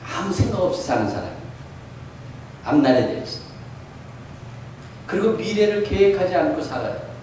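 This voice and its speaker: A man's voice: sits high, sing-song, normal speed, long pauses, darkish tone. Man preaching in an echoey hall. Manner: earnest exhortation, reading a quoted letter aloud. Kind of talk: graduation sermon. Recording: echoey hall, mic far off, faint noise.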